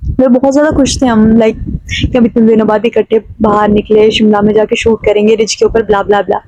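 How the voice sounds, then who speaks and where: A woman's voice: on the high side, level tone, brisk, dark tone, highs cut off. A young woman from Himachal Pradesh, a vlogger telling a story to camera in a chatty way with many fillers and restarts. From Himachal Pradesh, India.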